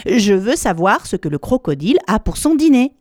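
A woman's voice: medium pitch, sing-song, moderate pace, a little mellow, no echo, studio quality. A woman voicing a small, curious young male elephant who asks his questions with eager, pleading politeness. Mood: polite, eager.

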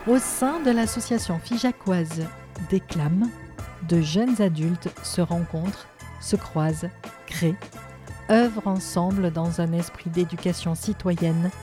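A woman reads a scripted radio introduction slowly, in a fairly low, mellow voice, with faint music underneath. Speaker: narrator.

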